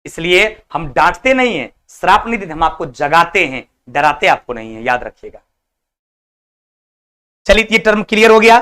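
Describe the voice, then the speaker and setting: A man's voice: fairly high pitch, sing-song, normal speed, pushed and bright, clear, resonant tone. A male teacher, lecturing an online exam-prep class in a scolding yet affectionate, colloquial way. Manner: colloquial, repeats words like 'chala' and 'babu'.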